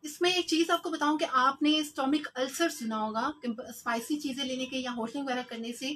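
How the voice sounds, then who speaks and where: A woman's voice: high-pitched, steady tone, a little fast, fairly bright tone, a little hiss or hum. A young Pakistani woman, hosting a live radio show in a small studio, chatting to listeners and mixing in English phrases. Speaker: radio host. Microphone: large studio mic.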